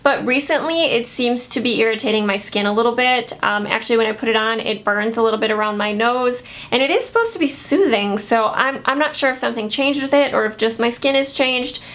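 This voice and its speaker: Woman beauty vlogger, slightly higher voice, casual and chatty, hesitant with lots of fillers. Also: fairly quick, few pauses, fairly bright tone. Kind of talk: casual product review.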